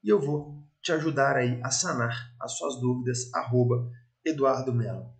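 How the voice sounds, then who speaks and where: A man's voice: medium pitch, moderate pace. Emphatic Brazilian man teaching investing. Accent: Brazilian Portuguese. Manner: energetic, emphatic, repeats phrases for stress. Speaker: investment educator. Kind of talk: casual online lesson walking through charts.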